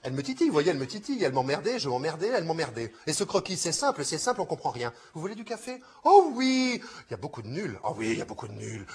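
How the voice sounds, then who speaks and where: A man's voice: a little high, big pitch swings, quick pace, hardly any pauses, darkish tone, breathy edge. A man reading short comic plays aloud, taking on every part himself and switching between character voices.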